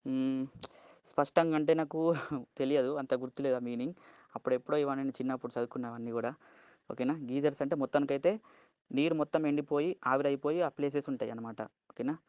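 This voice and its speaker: Slow, patient Telugu-accented male teacher. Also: mid-range voice, fairly even intonation, darkish tone, smooth, dry recording, lo-fi sound. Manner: slow, spells words letter by letter, keeps asking "okay?". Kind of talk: vocabulary lesson.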